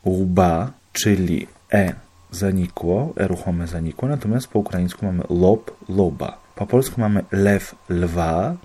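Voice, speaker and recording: Low husky man explaining step by step. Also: a little slow, warm tone. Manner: methodical, working through examples one by one. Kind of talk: explanatory lesson.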